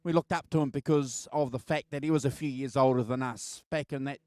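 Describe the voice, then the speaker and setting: A middle-aged man hosting a casual music album chat, halting and repeating words as he reminisces. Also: mid-range voice, fairly even intonation, darkish tone, no room sound, studio quality. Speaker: host of a music album show.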